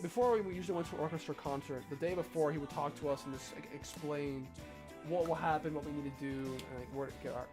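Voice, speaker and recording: Rambling young man streaming, swears a lot. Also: on the high side. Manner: rambling, profane, self-deprecating. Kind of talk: casual rambling chat while drawing.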